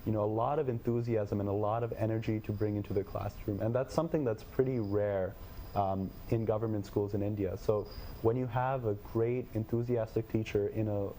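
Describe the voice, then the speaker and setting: Low-voiced, dark-toned young man. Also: steady tone, a little hiss or hum. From Nepal. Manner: measured, thoughtful, many fillers. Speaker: guest, education tech company head. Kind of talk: interview answers.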